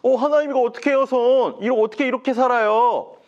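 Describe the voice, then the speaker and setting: A man's voice: high voice, expressive, fairly quick, dull audio, pitched above the performer's own voice. A man voicing the prophet Moses as an anxious, whiny adult man in a children's Bible story. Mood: panicked. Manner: whiny, fretful pleading.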